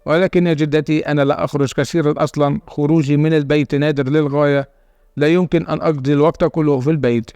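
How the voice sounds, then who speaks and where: A man voicing a frightened, timid young woman pleading in a spoken story, with a gravelly, quick delivery. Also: fairly high pitch, steady tone, a little mellow, no room sound, lightly acted. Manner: pleading, hesitant.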